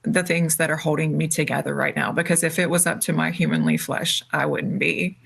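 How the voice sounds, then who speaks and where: A woman, grieving and close to tears, speaking slowly and haltingly in an emotional interview. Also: low voice, lively intonation, fairly bright tone. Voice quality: gravelly, husky. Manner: slow, halting, faith-filled testimony. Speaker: interviewee, bereaved mother.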